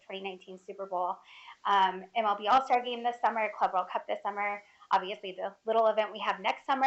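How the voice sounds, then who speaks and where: A woman introducing herself on a conference panel as a sports council director, upbeat and chatty, a little short of breath. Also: mid-range voice. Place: conference room. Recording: dull lo-fi room audio.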